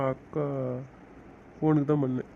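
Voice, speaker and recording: In an amateur web drama, a man plays a bitter, stubborn character who insists he is done with her. His voice is a little high and level in tone, at normal speed. The recording is slightly muffled with a faint background hiss.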